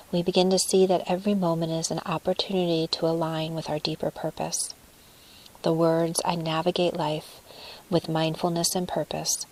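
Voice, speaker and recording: A woman leads a guided meditation, her low voice soft, breathy and calming as she phrases things deliberately and pauses often. The recording quality is low.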